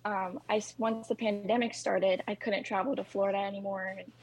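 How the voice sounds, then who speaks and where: A woman's voice: medium pitch, steady tone, fairly quick, poor audio. A woman answering as a podcast guest in a casual way, often using "like". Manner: casual, uses "like" and restarts. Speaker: guest, environmental activist.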